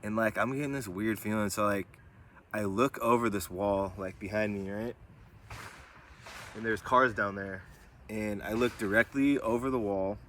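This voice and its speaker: In this vlog, a man with a fairly low, slightly bright voice shares a personal testimony at a moderate pace over faint background noise. He rambles, packs his speech with fillers, and keeps checking in with "right?"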